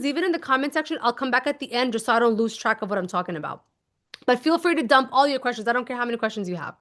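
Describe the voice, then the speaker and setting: A woman with a somewhat high voice teaching a manifestation technique in a loose, talkative livestream. She is animated and playful, acting out scenes and throwing in spoken sound effects as she goes. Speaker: manifestation coach.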